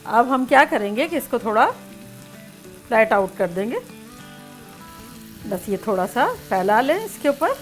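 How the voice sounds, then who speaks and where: A chatty, playful woman walks through a home recipe in a fairly high voice. Soft music and a sizzling pan sit behind her as she talks. She keeps an easy, homey tone throughout. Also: sing-song, a little slow, long pauses. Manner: chatty, playful, sings snatches of songs. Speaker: cooking show host. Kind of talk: home cooking demonstration.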